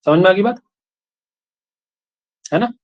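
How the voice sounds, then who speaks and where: Speaking slowly and expressively in a high voice, a male teacher lectures a class, quizzing students again and again to make sure they keep up. It's captured on a dull lo-fi recording.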